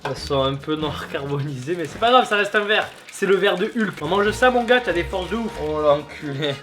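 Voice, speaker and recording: Excitable high-pitched young-sounding male vlogger. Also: fairly quick. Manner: excitable, playful, repeats words, mock-boastful, slangy. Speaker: vlog host and amateur cook. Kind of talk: casual cooking vlog chat to camera.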